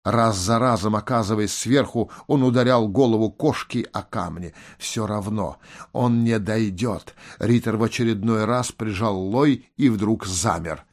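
A man narrating a fantasy audiobook in a steady, dramatic reading. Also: fairly low pitch, unhurried.

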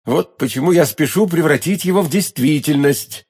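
A man's voice: on the high side, normal speed, darkish tone, breathy edge, pitched above the performer's own voice. A man voicing an ardent, pompous young musketeer in an audiobook reading, exclaiming eagerly. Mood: passionate eager.

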